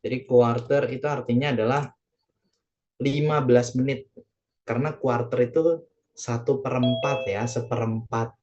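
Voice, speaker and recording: A man's voice: mid-range voice, steady tone, normal speed, darkish tone, muffled recording. A man with an Indonesian accent teaching an online English lesson, patiently repeating each point and translating it phrase by phrase.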